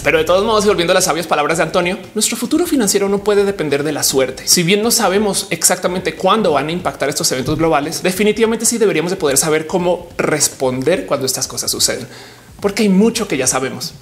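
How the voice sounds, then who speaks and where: Woman, thirties, vlogger, rapid delivery, informal and chatty, home studio. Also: fairly low pitch, a little hiss or hum. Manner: fast, animated, with lots of hand gestures; chatty and informal, with slang fillers. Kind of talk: explainer vlog talk to camera. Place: indoor home studio with bookshelves.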